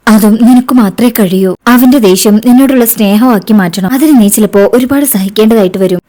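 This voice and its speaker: A woman's voice: a little high, dark tone. A woman, retelling a TV serial episode and voicing each character's lines in turn. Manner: narrates and acts out each character's lines in quotes. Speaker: serial recap narrator.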